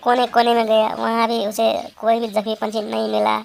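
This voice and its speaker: A woman narrating a children's story in a flat, repetitive telling. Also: a little high, brisk, gravelly, a little hiss or hum.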